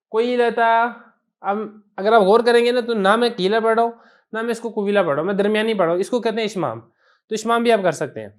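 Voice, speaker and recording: A man's voice: high voice, clean tone. A man with a Pakistani Urdu accent teaching a grammar lesson, patiently spelling out word forms one at a time.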